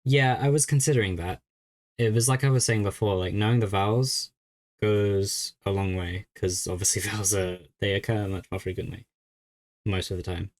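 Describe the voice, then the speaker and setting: Low-voiced young man streaming casually. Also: fairly even intonation, normal speed. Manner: easygoing, thinks aloud while puzzling. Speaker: game streamer. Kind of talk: casual live-stream chat.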